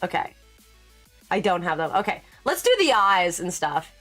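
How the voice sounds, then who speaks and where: A woman streaming live in casual chat. She answers chat as she works and jumps to sudden high exclamations. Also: big pitch swings, normal speed, fairly bright tone, faint music behind. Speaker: VTuber streamer.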